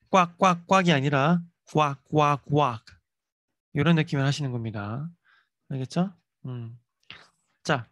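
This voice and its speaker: A middle-aged man teaching English in a chatty lecture, repeating phrases slowly for learners. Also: fairly high pitch, no room sound. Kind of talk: casual lecture.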